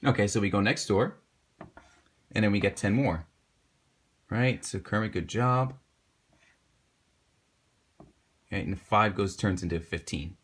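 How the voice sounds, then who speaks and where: Brief: low, husky male teacher, lively intonation, patient and encouraging. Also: a little slow, pauses often. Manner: patient, encouraging, talks to the viewer. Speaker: math teacher. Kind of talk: homework help video lesson.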